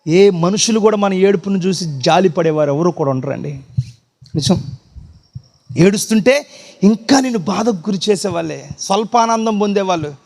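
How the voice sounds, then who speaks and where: A male pastor with a very high voice preaches with fervor at an evening church gathering. He goes from loud cries down to hushed tones and back again. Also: moderate pace, gravelly. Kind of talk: impassioned sermon.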